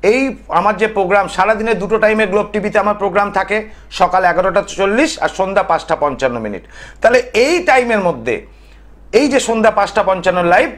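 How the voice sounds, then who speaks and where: Emphatic, high-pitched man preaching on TV. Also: fairly bright tone. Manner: emphatic, rhythmic listing with rising declamatory stresses. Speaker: tantric astrologer hosting a live call-in TV show. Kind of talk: impassioned TV call-in monologue.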